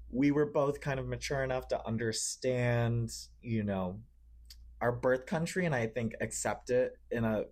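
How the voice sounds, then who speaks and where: A man's voice: mid-range voice, a little mellow. A young man from Cambodia, a marketing manager interviewed as a guest, talking casually with frequent fillers and easy laughs.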